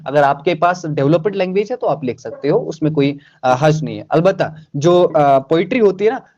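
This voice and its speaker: Lively Kashmiri man giving writing advice. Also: on the high side, moderate pace, muffled recording. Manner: lively, mixes English words into Hindi, repeats phrases. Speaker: writer, interview guest. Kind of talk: casual interview answers.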